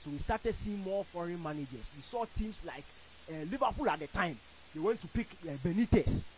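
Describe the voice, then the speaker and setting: On a radio studio show, a panelist with a Ghanaian accent debates football in an emphatic, theatrical way into a boom mic while wearing headphones. He speaks a little fast in a high, expressive voice, and the low-quality recording has slight background noise.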